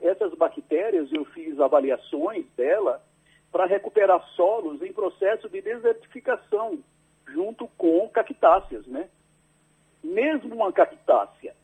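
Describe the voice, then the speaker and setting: A male interview guest, an agricultural researcher, explains his research on a landline phone to a radio host, patiently and carefully, often adding a questioning "right?". His high-pitched voice has a darkish tone with a breathy edge, and the audio is poor.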